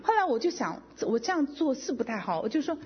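Animated woman sharing a testimony. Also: high-pitched, fast talker. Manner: emotional, animated storytelling with quoted dialogue. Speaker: testimony speaker. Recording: dull lo-fi sound with long hall reverb.

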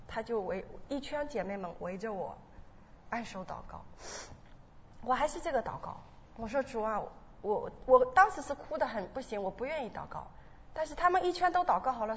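A woman giving an earnest, emotional church testimony, often halting and restarting as she speaks. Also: medium pitch, slight background noise. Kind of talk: personal testimony. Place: church hall. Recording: dull sound in a large reverberant hall with faint ambience.

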